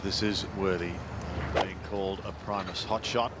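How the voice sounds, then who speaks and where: A man's voice: sits low, steady tone, moderate pace, very noisy. A man giving live golf commentary on players, putts and standings.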